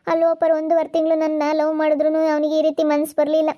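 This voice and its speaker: A woman's voice: sits high, monotone, fast talker, warm tone, natural voice. A woman playing sorrowful jilted young woman. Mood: heartfelt. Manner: heartfelt pleading talk. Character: wronged young village woman, grateful and sorrowful. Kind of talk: amateur village skit acting. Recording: dull lo-fi sound.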